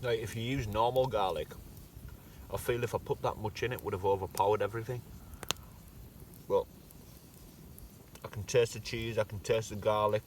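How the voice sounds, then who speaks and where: Man, lowish voice, relaxed camping vlogger, joking food talk, distant mic outdoors. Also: normal speed, long pauses, a little hiss or hum. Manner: chatty, joking, savoring food aloud. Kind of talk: casual talk to camera while cooking. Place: outdoors at a wild campsite by a fire. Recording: distant camera mic, faint outdoor ambience.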